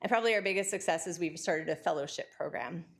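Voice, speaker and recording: A woman giving an academic lecture, talking quickly and excitedly with frequent fillers and restarts. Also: lowish voice, creaky.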